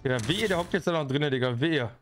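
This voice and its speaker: A young man livestreaming a shooter game, talking in slang, greeting viewers and getting excited at the action. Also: a little high, brisk. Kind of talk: live gameplay commentary. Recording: game sounds and noise behind. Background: game sound effects, vehicle noise.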